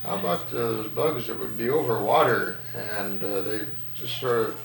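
A man conducting an informal fieldwork interview, asking questions in a halting, hesitant way. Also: fairly low pitch, gravelly. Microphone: distant from the speaker. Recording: distant, echoey, noisy field recording.

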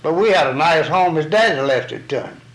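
Older man, Arkansas-area Southern accent, slightly high voice, folksy and plain-spoken, informal interview answers. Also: expressive, brisk, poor audio.

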